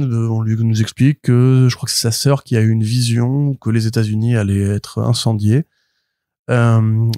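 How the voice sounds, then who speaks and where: A man co-hosting a comics podcast, retelling a plot in an animated, rambling way full of fillers and restarts. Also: medium pitch, dry recording, clean studio sound. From France. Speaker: podcast co-host, comics reviewer. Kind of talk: casual podcast chat.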